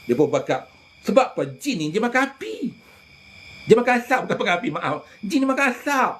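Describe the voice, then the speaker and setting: A man, a religious healer telling animated stories in casual chat, often addressing listeners directly. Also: high voice, fairly quick.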